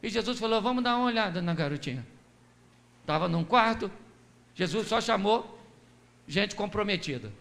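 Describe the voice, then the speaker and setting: A man preaching a lively sermon in a Brazilian accent, telling the story with jokes and acting out the people in it. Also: high-pitched, moderate pace, vocal fry, long pauses. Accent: Brazilian Portuguese. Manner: animated storytelling, acts out quoted voices, jokes. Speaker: pastor. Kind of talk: lively sermon with humorous asides.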